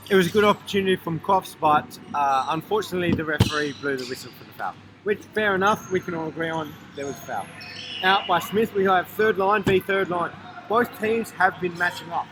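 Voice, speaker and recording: Australian male play-by-play commentator, high and excitable, noisy arena feed. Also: fairly quick. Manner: excitable, shouts at big plays, casual swearing. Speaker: sports commentator. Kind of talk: live sports commentary. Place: indoor sports hall.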